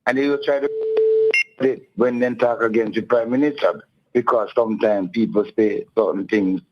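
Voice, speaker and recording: Male radio caller, heard over the phone, low voice, rambling and friendly, dull lo-fi line. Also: steady tone, normal speed. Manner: rambling, friendly, repeats words. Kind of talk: casual call-in chat.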